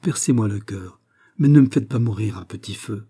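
A man's voice: fairly low pitch, moderate pace, dark tone, husky. A man voicing an earnest young nobleman in love in an audiobook, speaking firmly and respectfully. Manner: firm, respectful, grave. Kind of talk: audiobook character reading.

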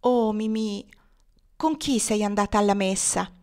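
A woman reading the lines of a young man in love who teases his sweetheart in lively, bright retorts, in a storybook. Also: mid-range voice, measured pace, natural voice. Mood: earnest.

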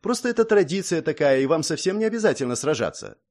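A man's voice: big pitch swings, fast talker, darkish tone. Mei, a pushy princess, as a male reader puts her on. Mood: flustered. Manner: raised pitch, pleading and eager. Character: flustered young princess, pushy and possessive.

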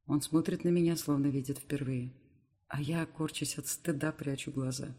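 A male audiobook reader narrating a novel in the first person. His voice sits slightly high. The delivery is steady and scripted. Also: normal speed.

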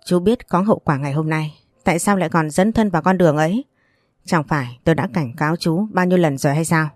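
A woman's voice: low-pitched, fast talker, darkish tone, no echo, clean studio sound, soft background music. A woman voicing a firm, reproachful older man who is the family elder in a read-aloud story.

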